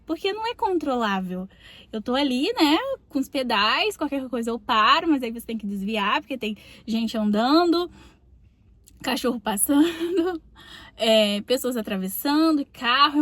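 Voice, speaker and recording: A woman's voice: sits high, dry recording. A young Brazilian woman, a psychologist and podcast host, telling a personal story in a chatty way, often adding little tag questions. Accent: Brazilian Portuguese. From Brazil, Rio de Janeiro state.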